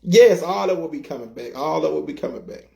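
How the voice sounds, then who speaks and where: A man's voice: on the high side, expressive, quick pace, creaky, darkish tone. A man co-hosting a casual interview, earnest and preacherly, repeating himself for emphasis. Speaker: co-host, comedy skit creator.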